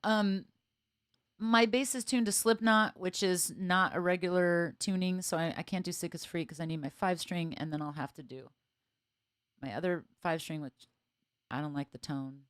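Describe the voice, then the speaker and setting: A woman's voice: on the low side, steady tone, normal speed, smooth, dry recording, studio quality. A woman musician chatting casually with viewers on a live stream, thinking aloud, laughing often and joking at her own expense.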